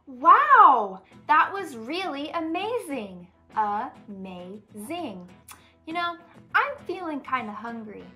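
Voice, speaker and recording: High, bright woman chatting to kids. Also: very animated, unhurried, faint music behind. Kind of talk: educational lesson for young kids.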